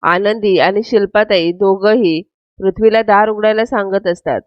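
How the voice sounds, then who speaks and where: A woman retelling a TV serial episode in steady storytelling narration, in a dull, dry, lo-fi recording. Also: medium pitch, moderate pace, dry recording.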